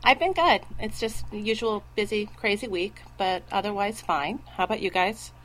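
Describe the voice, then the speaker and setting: A woman guest on a fan podcast, talking in an easygoing, measured casual chat. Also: medium pitch, a bit bright, low-quality recording. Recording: faint background noise.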